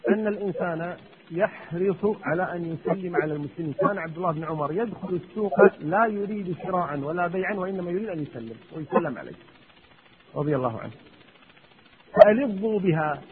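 A man's voice: high-pitched, slight background noise. A man giving a religious lesson, asking questions and answering them himself. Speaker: Islamic teacher. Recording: muffled lo-fi with long hall echo.

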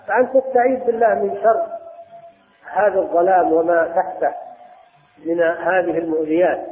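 High-pitched guy giving a religious lesson, echoey hall, tinny phone-like sound. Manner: measured, explanatory, with restarts. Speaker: Islamic scholar.

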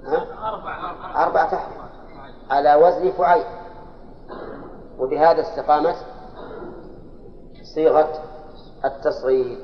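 A man's voice: a little high, measured pace, long pauses. A man teaching a grammar class, explaining step by step and quizzing his students. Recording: echoey hall, dull lo-fi sound, faint hiss.

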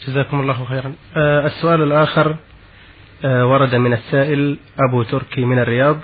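Male radio presenter for a religious question show, formal Standard Arabic, slightly husky, on a thin band-limited recording. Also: medium pitch, fairly even intonation, fast talker, phone-quality sound. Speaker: radio host reading listeners' questions.

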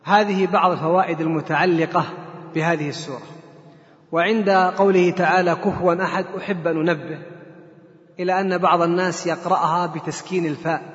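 A man's voice: high voice, fairly even intonation, fast. A man teaching scripture in a lecture, explaining points step by step and posing questions to his listeners before answering them. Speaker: Quran teacher. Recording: echoey hall, dull lo-fi sound.

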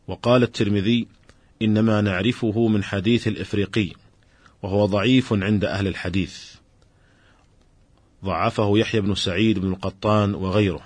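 A man giving a formal religious lesson, explaining rulings in a measured, explanatory way and addressing his listeners directly. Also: fairly low pitch, dry recording. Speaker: Islamic scholar giving a lecture.

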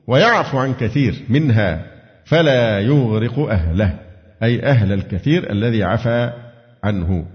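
Egyptian man teaching in an echoing hall. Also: mid-range voice. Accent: Egyptian Arabic. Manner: asks students questions and answers them himself. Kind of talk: Quran commentary lesson. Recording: dull lo-fi recording with long hall reverb.

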